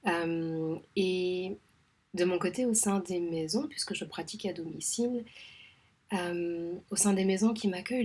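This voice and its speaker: A woman from Réunion, a home midwife, talking in a soft, measured way that often drops to a half-whisper, with frequent hesitations. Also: lowish voice, husky. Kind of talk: reflective spoken monologue.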